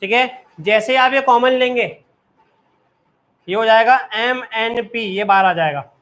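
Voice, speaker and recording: A man's voice: extremely high pitch, unhurried, a bit bright. A man teaching a live online maths class, often checking that his students follow and urging them to keep studying.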